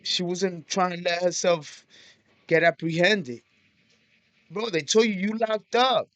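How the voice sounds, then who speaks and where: Give me a blunt man doing reaction commentary, fairly high voice, dry sound. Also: slow pace, fairly bright tone, no echo. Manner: blunt, profane, matter-of-fact. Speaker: reaction video host.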